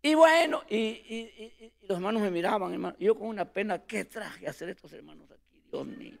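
A man's voice: high voice, animated, brisk, creaky. A man who preaches, telling a story about his ministry in an earnest tone and calling his listener "brother" again and again. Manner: earnest, calls listener "hermano" constantly. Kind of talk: storytelling testimony.

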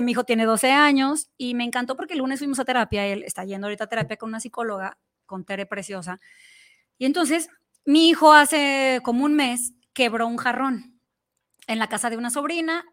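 A woman with a Mexican accent, co-hosting and telling a personal story in casual chat, animated and slangy. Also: fairly high pitch. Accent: Mexican Spanish. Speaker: co-host.

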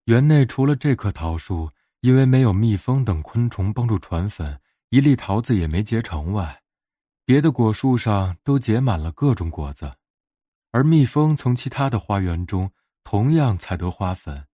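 A man reads a scripted bedtime story in a mellow, dark-toned voice. His pitch moves in a lively, animated way, and the recording is close and dry. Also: normal speed, breathy edge, dry recording. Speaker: storyteller for a bedtime fable radio show for adults.

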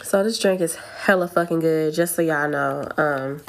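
A woman's voice: low voice, moderate pace, gravelly, a little hiss or hum. A woman vlogger giving a blunt, profane, fired-up rant to her viewers. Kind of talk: casual rant to camera.

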